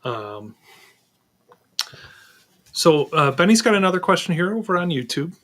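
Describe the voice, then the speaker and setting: A man's voice: fairly high pitch, very animated, a little slow, a bit bright. A man co-hosting a live Q&A, walking through settings on screen with frequent ums and second-guessing. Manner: hesitant, many ums, second-guessing himself. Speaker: co-host answering questions.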